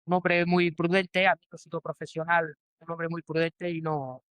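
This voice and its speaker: A man's voice: on the high side, level tone, normal speed, a bit bright, clean tone, dry recording. A Spanish man in his forties, a guest in a casual interview, answering in a hesitant way with many restarts and fillers. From Spain. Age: 40s. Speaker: bullfighter guest.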